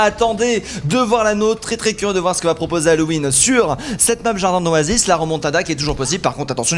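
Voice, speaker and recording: High-pitched excitable male esports caster. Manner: excitable, exclaiming play-by-play. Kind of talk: live esports commentary.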